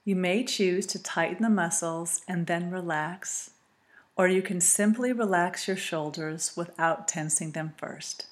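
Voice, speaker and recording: A woman guides a listener through a relaxation exercise in a soft, low-pitched voice. She talks very slowly and calmly, leaving long pauses between her words. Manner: calm, soothing, slow with long pauses. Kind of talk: scripted guided relaxation narration.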